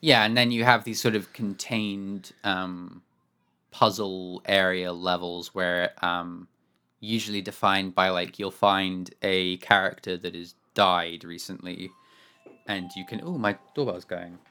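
A man's voice: deep voice, steady tone, unhurried, bright, forceful tone, clean tone. A man co-hosting a podcast from home, chatting casually about a game in a rambling, wry way, often correcting himself. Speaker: podcast co-host. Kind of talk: casual chat.

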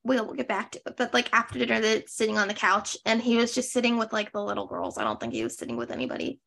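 A woman chats casually as a podcast co-host, snarking her way through a reality-show recap. Her voice sits a little high, with a gravelly fry at the ends of phrases. She rambles and leans hard on "like". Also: lively intonation, quick pace, fairly bright tone. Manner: snarky, rambling, heavy use of "like".

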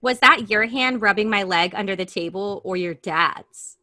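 A woman with a bright, forceful voice co-hosts a casual podcast. She reads out list items and reacts bluntly, swearing freely and laughing. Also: medium pitch, moderate pace, no echo, studio quality. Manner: blunt and profane, laughs often. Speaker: podcast co-host. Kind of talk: casual chat, reading out a list.

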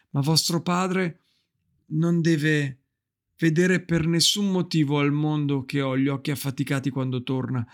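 A man voicing a weary, tender mother who hides her tears, speaking softly in a storybook reading. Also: on the high side, gravelly. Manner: soft, gently brave.

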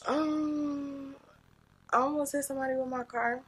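A woman's voice: high voice, fairly even intonation, unhurried, a bit bright. A young woman chatting casually on a podcast, hesitant and blunt, swearing freely. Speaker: podcast guest co-host.

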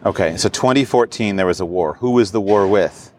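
Lower-voiced male podcast host. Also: fairly quick, a little mellow, slight background noise. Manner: friendly, asks short follow-up questions. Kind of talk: interview.

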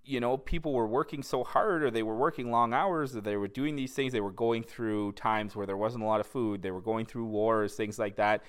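A man's voice: fairly low pitch, normal speed, few pauses, smooth. A man co-hosting a casual TV recap chat, talking in a conversational, reflective way. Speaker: podcast co-host.

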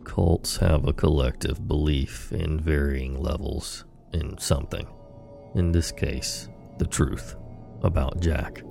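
Very deep, gravelly male horror host. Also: fairly even intonation, dark tone, soft background music. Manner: horror host, slow ominous campfire storyteller. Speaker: horror story podcast host. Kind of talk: scripted narration of scary stories.

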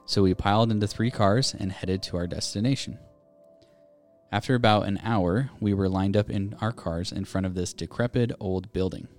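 A man co-hosting a podcast, reading listener ghost stories aloud and chatting casually. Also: low voice. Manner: reads aloud in a steady storytelling way. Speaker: podcast co-host.

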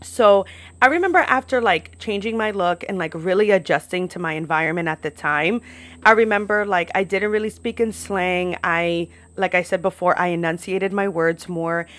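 Candid young American woman, lower-pitched voice. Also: normal speed, a bit bright. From United States, New York and Florida. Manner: candid, chatty, frequent "like" as filler. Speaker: podcast host. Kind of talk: casual personal storytelling to camera. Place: outdoors at home.

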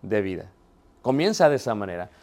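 This Bible teacher has a lowish, very animated voice and a brisk pace, heard over heavy background noise. Teaching a theology class, he asks students questions, confirms they're following, and raises rhetorical questions only to answer them himself.

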